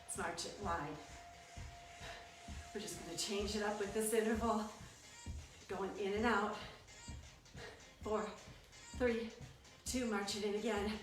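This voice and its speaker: Echoey, slow-cueing woman aerobics instructor. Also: medium pitch, fairly even intonation. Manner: encouraging, coaching in short cues. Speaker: aerobics instructor leading a workout. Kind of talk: instructional workout cueing with counts. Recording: echoey room, distant mic, music behind. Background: workout music.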